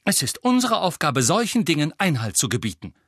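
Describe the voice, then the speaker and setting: A man reading an audiobook, voicing a clever, bossy teenage schoolgirl witch with a brisk, lecturing manner. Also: on the high side, sing-song, a bit bright, husky, no room sound, clean studio sound, pitched above the performer's own voice, exaggerated voice. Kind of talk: audiobook character voice.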